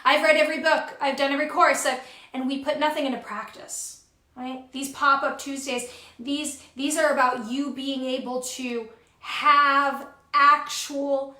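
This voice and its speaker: A woman's voice: high voice, steady tone, unhurried, pushed and bright. A woman co-hosting a motivational pep talk, encouraging and stacking up repeated phrases for emphasis. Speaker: co-host. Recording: roomy echoey sound.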